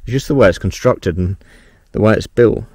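In this casual walkthrough, an Australian exploration vlogger wanders a ruined house outdoors, curiously musing aloud and thinking on his feet. His lowish, slightly mellow voice moves at a brisk clip, and the recording is dry with clean studio sound.

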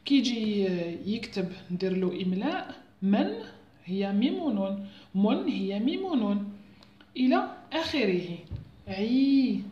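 A woman, patiently teaching first-grade letters and sounding out syllables slowly. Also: medium pitch, sing-song, roomy sound, highs cut off. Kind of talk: home lesson on Arabic letters for parents.

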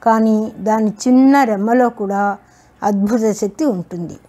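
Brief: woman playing a clever, unhurried young villager for a storybook, mellow and even. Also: medium pitch, natural voice. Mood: calm. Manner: unhurried, coolly confident. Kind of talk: storybook reading.

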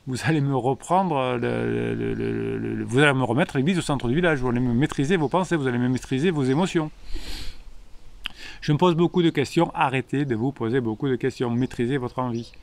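French male coach, mid-pitched, emphatic and teasing, scolds viewers playfully on a live stream. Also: fast, creaky, hardly any pauses. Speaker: relationship coach. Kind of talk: live-stream reading comments.

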